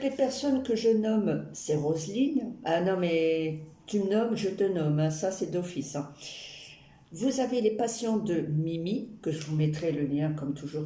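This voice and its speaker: A YouTube craft vlogger chats casually and ramblingly to her viewers as she works, tossing in playful asides. Her voice sits on the low side and sounds warm, while the recording has a roomy echo and a noisy background with clicks.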